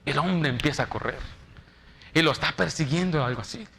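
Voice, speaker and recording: Bright-voiced man preaching a sermon. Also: fairly high pitch, fairly quick, creaky, breathy edge. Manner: preaching with dramatic quoted voices, rising loud at climaxes and dropping soft. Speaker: pastor. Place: church.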